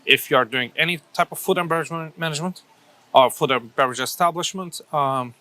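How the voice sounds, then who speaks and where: Man from Turkey, 30s, bright and fairly high voice, thoughtful interview guest with lots of restarts. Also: quick pace. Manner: thoughtful, many fillers and restarts. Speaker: coffee shop owner, guest. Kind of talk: casual interview answers.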